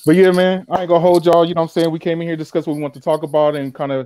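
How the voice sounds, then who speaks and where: A man hosting a casual livestream chat, talking fast in loose slang. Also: a little high, flat delivery, warm tone, slight background noise. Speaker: podcast host.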